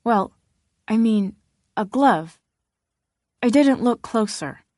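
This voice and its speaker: A woman's voice: a little high, lively intonation, takes it slowly, a little mellow, no echo, studio quality, voice pushed up. Letha, as a woman narrator plays an earnest young woman. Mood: nervous.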